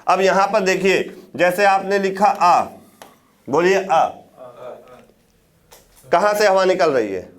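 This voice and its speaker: A man giving a classroom lecture on Hindi grammar. He asks the class questions, answers them himself, and repeats words slowly to demonstrate how they sound. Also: sits high, a bit bright. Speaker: teacher.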